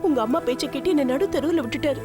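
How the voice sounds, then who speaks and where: A woman's voice: high-pitched, racing, natural voice. A woman playing an aggrieved, wronged wife. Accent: Tamil Nadu Tamil. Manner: aggrieved, plaintive. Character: wronged young wife, cast out by her husband. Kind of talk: television serial acting. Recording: music score underneath.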